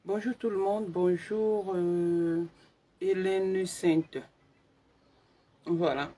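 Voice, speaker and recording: Soft-spoken woman hosting a live stream. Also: on the low side, fairly even intonation, drawn-out words, a little hiss or hum. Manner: quiet, hushed talk. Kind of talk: casual live stream chat.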